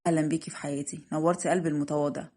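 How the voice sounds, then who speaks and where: A woman with an Egyptian accent voicing a devoted young man in love, speaking softly and earnestly. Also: sits low, level tone, racing, voice pushed down. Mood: tender. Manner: soft, earnest, reassuring.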